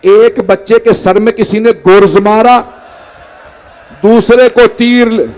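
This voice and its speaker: Male preacher, high pitch, mourning sermon with pleading asides and rising lament. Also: steady tone, takes it slowly, a little mellow. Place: large hall.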